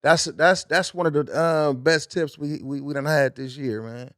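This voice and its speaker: A man hosting a podcast, asking his guest questions in a relaxed, easygoing way. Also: on the high side, normal speed, no room sound, studio quality. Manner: easygoing, keeps saying "yep" and "I could dig it". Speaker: podcast host. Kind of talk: casual podcast interview.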